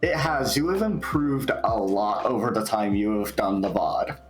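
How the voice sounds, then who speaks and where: A man's voice: lowish voice, animated, measured pace, echoey room, over music. A man co-hosting a livestream in casual, conversational chat. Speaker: livestream co-host.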